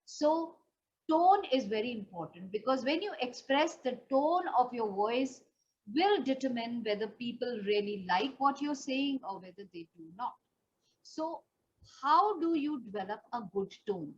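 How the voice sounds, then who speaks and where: Here an animated, unhurried woman with a fairly high voice and an Indian accent leads an instructional voice training session. As a pageant and personal development trainer, she demonstrates and explains step by step, talking directly to her learner. Faint background noise runs under the dull lo-fi audio.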